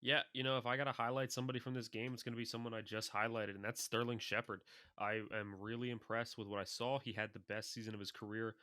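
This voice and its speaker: A young adult man co-hosting a casual fantasy football podcast, talking in an animated, excitable way. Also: medium pitch, fast, no echo, studio quality. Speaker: podcast co-host.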